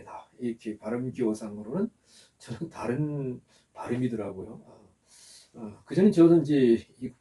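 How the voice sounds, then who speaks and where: A male pastor giving a sermon, explaining words slowly and asking the listeners to repeat after him. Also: mid-range voice, warm tone, recorded from a distance. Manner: teaching, with pauses to explain terms and have the congregation repeat words.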